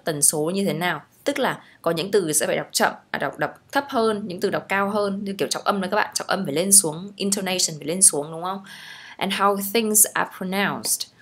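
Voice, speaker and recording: A young adult woman with a Vietnamese accent, teaching English phrases, reading each phrase aloud and explaining it, often checking with her listeners. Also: lowish voice. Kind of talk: language lesson explaining phrases.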